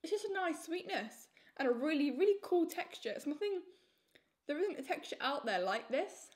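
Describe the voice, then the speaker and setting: Young woman, high-pitched voice, casual crisp-tasting review, enthusiastic, emphatic repetition. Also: sing-song, normal speed, darkish tone. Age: young adult. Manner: enthusiastic, repeats words for emphasis. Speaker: food reviewer. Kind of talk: casual snack review to camera.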